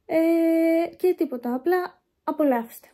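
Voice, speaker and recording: Chatty high-voiced young woman vlogger. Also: warm tone. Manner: chatty and rambling, talking straight to viewers. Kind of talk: casual vlog chat. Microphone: phone held at arm's length.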